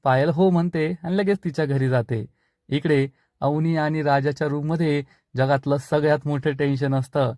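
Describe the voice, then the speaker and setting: A man's voice: a little high, moderate pace, no room sound, studio quality. A man narrating a recap of a TV serial episode. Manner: storytelling, animated retelling.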